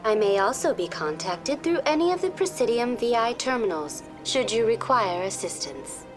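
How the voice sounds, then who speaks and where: Sing-song and a little high, a woman's voice delivers scripted informational lines at a normal speed as a polite, programmed virtual intelligence tour guide in a video game. She speaks formally, courteously and precisely, in an informative mood, with music in the background.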